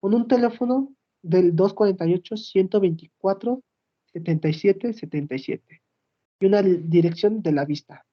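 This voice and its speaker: Woman, patient step-by-step demo narration, mid-pitched, muffled lo-fi mic. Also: moderate pace. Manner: explains step by step, checks in with "¿sí?". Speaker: student presenting a project. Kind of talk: screen-recorded software demo.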